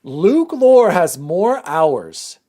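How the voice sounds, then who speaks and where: Animated male podcast host. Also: high voice, very slow. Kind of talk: casual gaming podcast chat.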